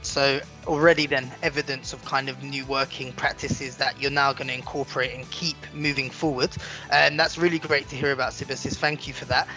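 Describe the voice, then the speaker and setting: A man's voice: mid-range voice, level tone, brisk, few pauses, pushed and bright, faint music behind. A man hosting a casual work discussion, summarizing answers and asking follow-up questions. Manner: friendly, summarizing, asks questions. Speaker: host. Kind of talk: casual interview moderation.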